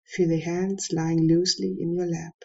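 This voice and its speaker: A woman leading a guided meditation, giving soft, calm instructions with long pauses. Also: fairly low pitch, creaky, husky, dull audio.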